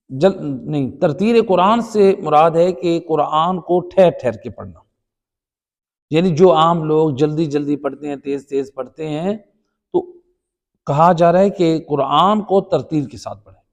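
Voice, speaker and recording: A fairly high-pitched man with a Pakistani Urdu accent teaches the Quran in a religious lecture. Repetition and rhetorical questions drive his explanations, and the recording has a long hall reverb.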